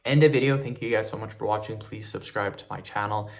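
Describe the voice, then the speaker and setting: A man's voice: lowish voice, fast talker, vocal fry. A man hosting a tutorial, talking casually as he instructs viewers step by step through exercises. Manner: instructional, counting reps and cueing breaks.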